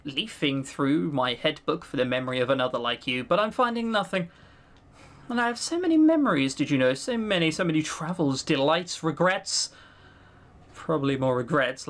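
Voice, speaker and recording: This lightly acted, mid-range delivery sits below the performer's natural pitch. The actor voices a centuries-old fiend bound within a circle, alternately taunting and sullen and sometimes bursting into anguish, all in a first-person audio roleplay.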